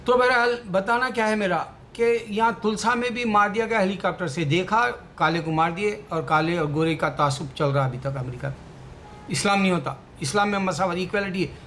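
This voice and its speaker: A man's voice: high-pitched, a little fast, fairly bright tone, slight background noise. A man giving a rambling, preachy political commentary with a religious message, full of fillers.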